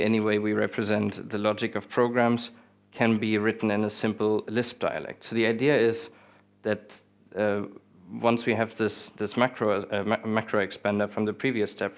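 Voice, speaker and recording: A young man presents a technical talk at a meetup in a small indoor lecture room. His voice sits a little low, and he speaks in a relaxed way with frequent ums, restarts and a dry sense of humor. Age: young adult. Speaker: conference speaker.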